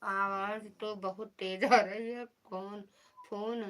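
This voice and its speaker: Bright chatty Awadhi woman on livestream. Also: mid-range voice, steady tone, slow pace, smooth. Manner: chatty, calls viewers didi and bhaiya. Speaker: live stream host. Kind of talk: casual live stream chat with viewers. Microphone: phone.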